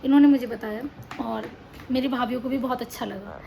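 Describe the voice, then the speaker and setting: A woman's voice: on the high side, a little fast, vocal fry, dark tone. A tired young woman chatting in a casual home vlog, talking indoors with children playing and crying nearby. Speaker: vlogger. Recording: noisy home recording.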